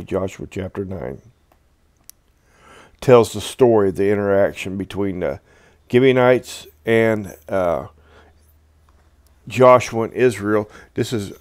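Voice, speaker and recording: A man with a low-pitched voice gives a Bible lesson, reading passages and explaining them in a loose, conversational way full of restarts. The recording is dry and close, with no room sound. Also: a little mellow, dry recording. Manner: conversational, halting, many fillers and restarts while explaining. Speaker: Bible teacher. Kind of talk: Bible teaching with scripture reading.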